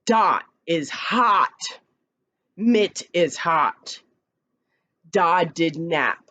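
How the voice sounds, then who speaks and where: Slow, lively-voiced kindergarten teacher reading aloud. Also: female voice. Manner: slow, expressive read-aloud with lively pitch, chatty asides. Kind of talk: reading picture books aloud to children.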